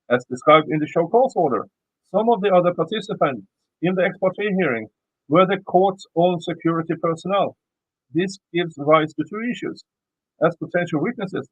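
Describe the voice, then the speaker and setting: Reading a court filing aloud, this man from Sweden, a YouTube commentator who isn't a native English speaker, stumbles over and restarts words and tosses in blunt asides full of cursing. He has a Swedish accent and a high voice with a breathy edge. The sound is lo-fi, with no room sound.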